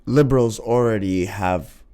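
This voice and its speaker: A man's voice: fairly low pitch, measured pace, warm tone, smooth. A man co-hosting a casual political chat, talking in a laid-back, slangy way. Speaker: co-host.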